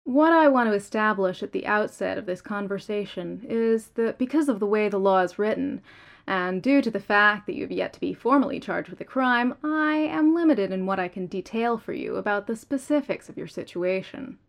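Lady reading a stiff corporate lawyer guy, careful and formal, middle pitch. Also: lively intonation, vocal fry. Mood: measured. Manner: formal, deliberate legal phrasing. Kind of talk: audiobook character reading.

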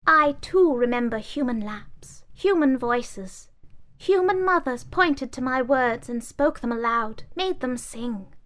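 Woman doing a solemn wise book of tales, measured, storybook reading. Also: high voice, animated, fairly bright tone, pitched above the performer's own voice, heavily acted. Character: old wise fairy-tale book, female, gentle.

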